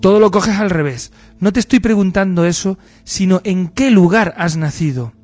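A man's voice: sits high, normal speed, a little mellow, faint music behind. A man doing a pompous, impatient philosopher. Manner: impatient, condescending questioning. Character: pompous wealthy male philosopher, self-important.

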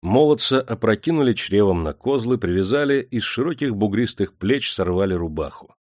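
Low-voiced man narrating an audiobook. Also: lively intonation, brisk, darkish tone, no room sound, clean studio sound.

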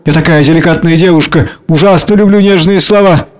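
A man's voice: a little high, brisk, pitched above the performer's own voice, natural voice. A man reading aloud, voicing a coy, affected young maid. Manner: dreamy, affected.

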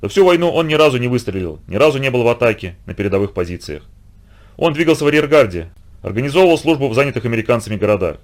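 A male narrator reads an audiobook in a steady storytelling voice. His pitch is middling and his pace quick.

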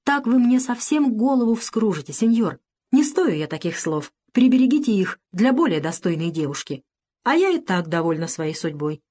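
A woman's voice: medium pitch, sing-song, normal speed, dark tone, husky. A woman voicing a modest young slave girl in an audiobook, timid and imploring as she fends off advances. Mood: demure.

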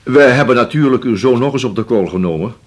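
An actor playing a shrewd police inspector who questions slowly and keeps humming to himself. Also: male voice, mid-range voice, lively intonation, close to an everyday voice. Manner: slow, probing, drawn-out with many hums. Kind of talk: radio drama acting.

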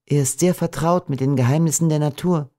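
A man playing a gentle doomed young woman. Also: fairly even intonation, brisk, close to an everyday voice. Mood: tender, pleading. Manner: soft, pleading, raised pitch.

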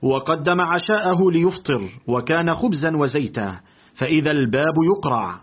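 A man narrating a literary audiobook in a deliberate, expressive reading. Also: a little high, breathy edge. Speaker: audiobook reader. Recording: tinny, lo-fi phone-like audio.

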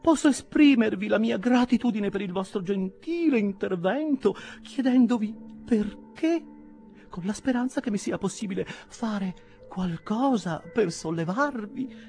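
A man reading an audiobook, voicing a tearful, querulous middle-aged spinster aunt in a high falsetto. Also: animated, measured pace, vocal fry, mellow, full character voice. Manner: querulous, pleading.

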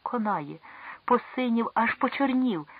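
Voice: mid-range voice, lively intonation, unhurried, breathy edge, phone-quality sound, voice pushed up. A reader doing a stern, frantic companion. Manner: sharp commanding shouts. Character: anxious older companion, stern then frantic.

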